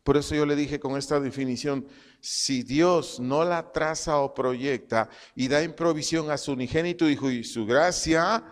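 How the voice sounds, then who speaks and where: A man preaching a sermon to his congregation, slow and emphatic, repeating his phrases and dictating punctuation as he teaches. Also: a little high, long reverb tail. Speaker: pastor. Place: church congregation hall.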